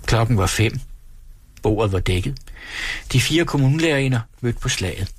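A man hosting a radio program, reading a novel aloud in calm, measured narration. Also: medium pitch, husky. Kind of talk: literary reading.

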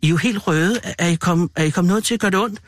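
A frantic mother firing off rapid, fretting questions, as a male reader puts her on. The voice is raised and hurried and recorded dry. It belongs to a dark storybook tale read aloud. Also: high voice, dry recording, voice pushed up. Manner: breathless, fretting.

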